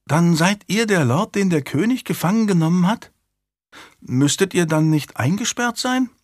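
Brief: high-voiced proud little lady of five, put on by a male reader, prim and curious, storybook. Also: expressive, moderate pace, dry recording, clean studio sound. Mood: eager. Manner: prim and precocious. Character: five-year-old noble girl, proud and curious.

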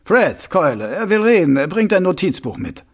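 A cunning, dry-witted watch captain in a storybook, brisk and commanding, as a male reader voices him. The voice sits a little above the reader's own and keeps a gravelly, husky grain. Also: fairly high pitch, expressive, heavily acted. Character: shrewd middle-aged male watch captain, dryly cunning.

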